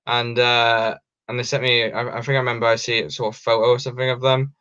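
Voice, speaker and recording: Speaking fast in a medium-pitched voice with little pitch movement, a young Welsh livestream host sounds sharp, clear, and resonant. He reads out viewer questions and gives rambling answers packed with ums and restarts, all in dull lo-fi stream audio.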